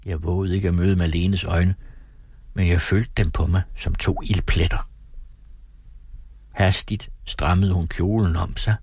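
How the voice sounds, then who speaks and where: A man reading a literary novel aloud in a measured, dramatic way. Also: low voice, steady tone, a little mellow, husky. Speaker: audiobook narrator. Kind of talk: scripted literary narration.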